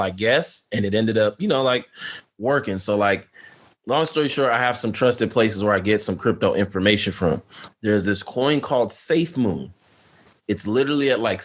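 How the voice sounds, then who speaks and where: A young man co-hosting a casual podcast, explaining things in a loose, animated way full of "like" and "you know what I'm saying". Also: fairly low pitch. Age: young adult. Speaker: podcast co-host. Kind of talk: casual chat.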